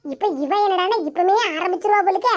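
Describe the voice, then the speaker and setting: A woman with a Tirunelveli Tamil accent voicing the chatty, teasing older women of an animated cartoon. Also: extremely high pitch, quick pace.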